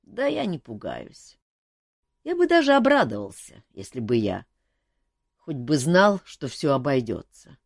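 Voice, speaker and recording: A tired, wisecracking male court jester, put on by a woman reading an audiobook. He bounces through lively, self-mocking banter with a low base voice. The room is dry and close. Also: unhurried, gravelly, dry recording, full character voice. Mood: wry, weary.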